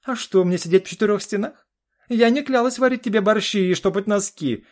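A man playing a sharp-tongued, defiant wife. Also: fairly high pitch, lively intonation, moderate pace, creaky, slightly rough, pitched above the performer's own voice, full character voice. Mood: biting. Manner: sneering, biting. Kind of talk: audiobook reading.

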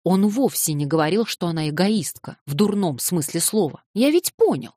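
A woman voicing an excitable, naive young man who protests plaintively, reading an audiobook. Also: on the low side, normal speed, slightly rough, no echo, clean studio sound.

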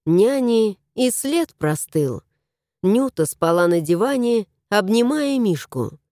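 A woman narrating a children's fairy tale, her voice moving lively up and down. The tone is dark and mellow. The recording is dry and close to the mic. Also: medium pitch, takes it slowly, no echo. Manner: lively expressive storytelling.

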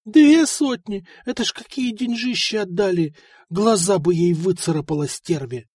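A man voicing a plump, greedy, quarrelsome young wife who is shrill and spiteful. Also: moderate pace, darkish tone, slightly rough, no room sound, studio quality.

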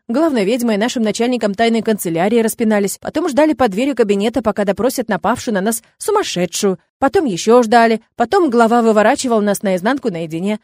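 A woman's voice: a little high, darkish tone, dry recording, clean studio sound. A woman voicing an easygoing, chatty young male student who sounds puzzled and a little sleepy.

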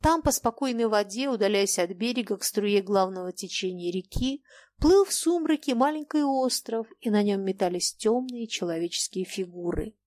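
A woman reading a classic novel aloud in an expressive, measured way. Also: mid-range voice, no echo. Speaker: audiobook narrator. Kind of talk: scripted narration of a classic novel.

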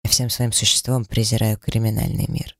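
A man voicing a brooding, bitter young heir in an audiobook, speaking gravely. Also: on the low side, completely flat delivery, a little fast, no room sound, studio quality, natural voice. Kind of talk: audiobook character reading.

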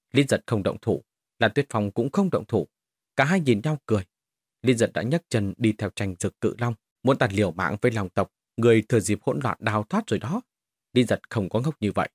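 A man's voice: fairly low pitch, a little mellow, husky, no echo, studio quality. A man reading a fantasy novel aloud as scripted audiobook narration.

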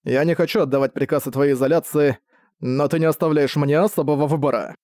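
Brief: man doing a tired, even-tempered knight commander, measured and dry, for an audiobook. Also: on the high side, no room sound, close to an everyday voice. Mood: calm. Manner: calm, measured, sighing. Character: weary, calm male knight leader. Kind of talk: audiobook reading.

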